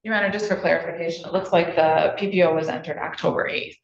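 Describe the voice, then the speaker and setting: A woman's voice: fairly low pitch, fairly even intonation, fast talker, gravelly. A woman speaking as the landlord's attorney, matter-of-fact and procedural. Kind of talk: legal statement in court. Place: courtroom. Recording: echoey, dull courtroom audio.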